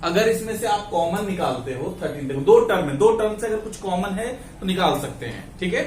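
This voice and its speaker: A man's voice: high-pitched, lively intonation, a little fast, a little mellow, slight background noise. A male maths teacher working through problems with his class, speaking mixed with English terms and often checking in with "ठीक है ना". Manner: repeats "ठीक है ना", counts steps aloud. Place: classroom with students. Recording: echoey classroom, mic far off.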